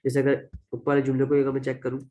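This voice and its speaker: A man's voice: medium pitch, monotone, quick pace, dark tone, low-quality recording. A man with a Pakistani accent teaching a grammar lecture, explaining step by step and repeating each example. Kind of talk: classroom-style grammar lecture.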